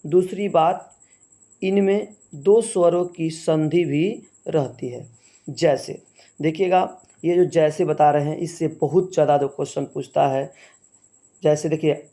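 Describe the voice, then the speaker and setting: A man's voice: fairly high pitch, fairly even intonation, mellow. A man teaching a grammar lesson, explaining step by step and often checking in with the listener. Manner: slow, measured, repeats "है ना" as a check-in.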